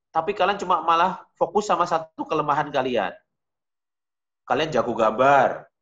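A man's voice: a little high, fairly bright tone, highs cut off. A man teaching a beginner digital painting class, talking casually and directly to his students. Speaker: art teacher.

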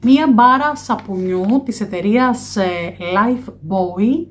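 A woman in her thirties, a vlogger chatting to the camera indoors as she shows products one by one, often pausing on a drawn-out "e". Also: medium pitch, expressive. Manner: chatty, fills pauses with "e". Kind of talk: product review vlog. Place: small room indoors by a window.

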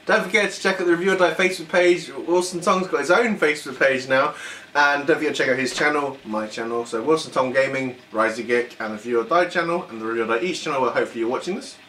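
A man's voice: on the high side, fairly bright tone. A man co-hosting a casual food taste-test, blunt and joking, swearing freely. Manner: blunt, swears, quick jokes. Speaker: food review co-host. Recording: echoey room, distant mic, faint noise.

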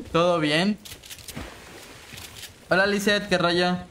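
A man in his twenties with a Mexican accent, chatting casually while streaming a game, greeting viewers in slang, humming and breaking into shouts. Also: high-pitched, measured pace, slight background noise. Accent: Mexican Spanish. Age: 20s. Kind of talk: casual live-stream chat.

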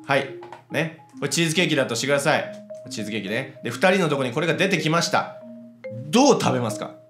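A man giving casual let's-play commentary, chatty and excitable, talking to himself as he plays. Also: medium pitch. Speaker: game commentator. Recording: roomy echo with background music.

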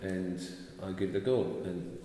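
An Italian man in his thirties speaks English with an Italian accent carrying a Scottish tinge, his voice deep and his pace normal. A sword maker appearing as an interview guest, he gives casual answers in a relaxed way, gesturing as he talks. A distant camera picks him up in a large, bare indoor hall, so the sound echoes with faint noise.

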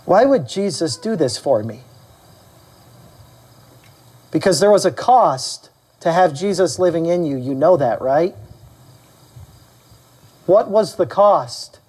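A male pastor preaching to his congregation in a church service. He talks animatedly and leaps higher in pitch to act out quotes. He asks his listeners questions and calls out for amens. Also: expressive, slow, pauses often, a little mellow, husky. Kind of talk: sermon.

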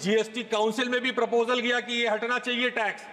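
Extremely high in pitch, flat, a little fast, and pushed and bright, this man in his thirties is a member of parliament making an emphatic speech riddled with rhetorical questions. He speaks into a fixed desk mic, and the big chamber gives the sound a long hall reverb.

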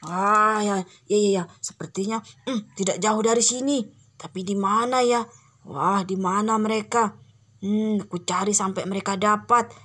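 A woman voicing a huge menacing giant who hunts children, talking slowly and gloating with booming laughs in a cartoon game drama. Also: steady tone, fairly bright tone, husky. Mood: searching.

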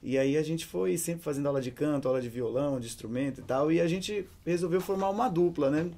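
A young man from Brazil with a Brazilian Portuguese accent, a singer answering interview questions in a relaxed, chatty way. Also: a little high, quick pace. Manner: relaxed, chatty, with many fillers. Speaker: singer and songwriter, interview guest. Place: hotel room studio set.

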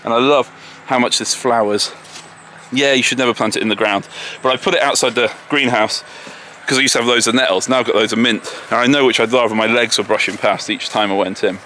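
An English-accented man talks his way around his garden and orchard in a relaxed, self-deprecating ramble. His voice is bright and forward. Faint tractor noise hums in the background outdoors. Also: mid-range voice, quick pace. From England. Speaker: homesteader vlogger. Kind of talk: casual walk-and-talk tour. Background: distant tractors and farm vehicles.

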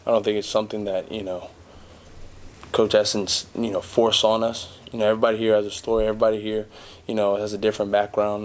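A young man, a college basketball player, giving measured, steady answers at a postgame press conference, seated at a table mic. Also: lowish voice. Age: young adult. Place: press conference room in front of a backdrop.

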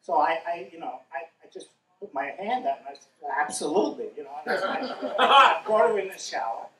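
A man casually telling a personal story, animated and wry, swearing freely. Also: sits high, normal speed. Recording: roomy echo, distant mic.

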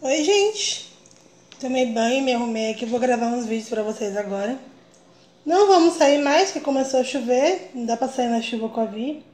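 A woman's voice: fairly high pitch, expressive, normal speed, darkish tone. A young woman and mother chatting casually to her viewers as she narrates her day at home. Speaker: vlogger and mother.

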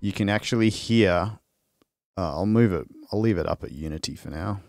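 Low-voiced man demoing music software. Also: normal speed, creaky, dry recording. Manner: loose and rambling, with restarts while working. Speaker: music producer demonstrating a sample library. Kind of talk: casual live-stream demo.

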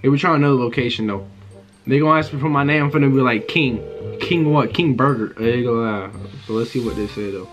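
A man's voice: mid-range voice, fast talker, over music. A young man chatting casually as a prank-call host, slangy and sweary, calling everyone bro. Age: young adult. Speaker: prank caller and video host. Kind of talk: casual chat. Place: indoors in front of a dark backdrop.

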